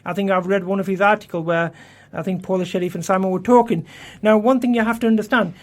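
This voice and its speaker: A man's voice: high-pitched, steady tone, quick pace. A man, an election candidate answering radio interview questions earnestly, often restarting and repeating words in a studio. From England.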